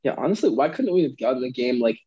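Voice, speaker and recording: A man's voice: mid-range voice, animated, fast, mellow, slightly rough. A young American man co-hosting a casual sports chat, giving his picks, on dull lo-fi audio. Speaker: sports talk co-host.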